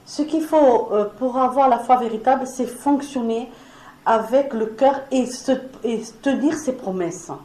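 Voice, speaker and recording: A woman's voice: fairly high pitch, a little slow, mellow. A woman with an accent in French, leading an earnest spiritual talk before a small audience and speaking in a conversational way with fillers. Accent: foreign accent in French. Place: meeting room before an audience. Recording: echoey room with faint noise.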